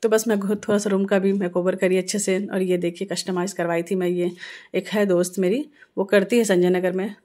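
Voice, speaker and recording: A middle-aged woman with an Indian Hindi accent narrates her family vlog in a chatty, earnest way. Her pitch sits in the middle and hardly moves, so the voice stays flat and steady. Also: brisk. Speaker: family vlogger. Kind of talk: casual vlog voice-over.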